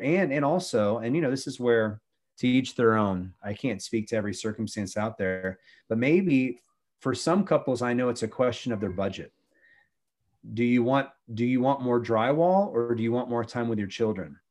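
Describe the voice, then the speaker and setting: A man's voice: medium pitch, expressive, moderate pace, a little mellow. A middle-aged man, a former youth pastor, talking about faith and family in an earnest, preachy way with many restarts.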